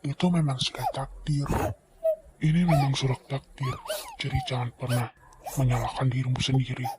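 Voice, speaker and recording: A man voicing a loving, remorseful father in a fan voice drama, speaking gently and soothingly. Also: mid-range voice, steady tone, normal speed, noisy background, lightly acted. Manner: gentle, soothing, drops to whispers.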